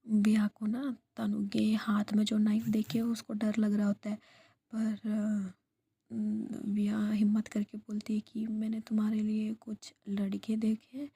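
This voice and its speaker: A woman telling a love story in soft, hesitant whispers with fillers, as whispered role-play. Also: mid-range voice, monotone, unhurried, creaky, breathy edge, no echo.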